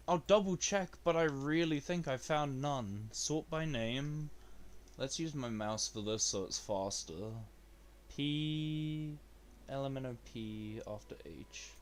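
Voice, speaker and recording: A man casually commenting on his gameplay for a stream, talking to his chat, swearing freely and jumping into high yelps when something good or annoying happens. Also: takes it slowly. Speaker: game streamer.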